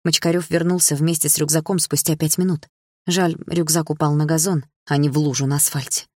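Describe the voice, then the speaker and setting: A woman reading a first-person audiobook in a calm, measured, expressive way. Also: low-pitched, dry recording, clean studio sound. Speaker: audiobook narrator.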